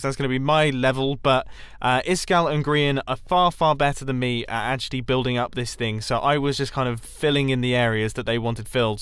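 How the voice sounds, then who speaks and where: A man's voice: fairly high pitch, a bit bright, clean tone, dry recording. A man giving chatty, enthusiastic gameplay commentary, laughing often and restarting his sentences. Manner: rambling with frequent restarts. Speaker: gaming YouTuber.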